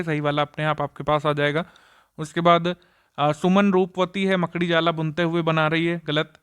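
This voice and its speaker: A man's voice: on the high side, fairly bright tone, clean tone. A man teaching, working through exam questions one option at a time and explaining each answer step by step.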